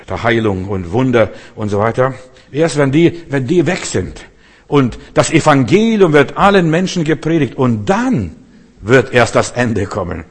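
A man preaching a fervent sermon, talking straight to the listener, swinging from loud outbursts to low murmurs. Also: breathy edge. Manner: addresses listener directly with questions.

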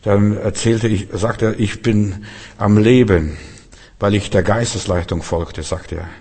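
A man's voice: lowish voice, fairly even intonation, measured pace, a little mellow, husky. A man preaching a sermon, emphatic and repetitive, speaking directly to his listeners.

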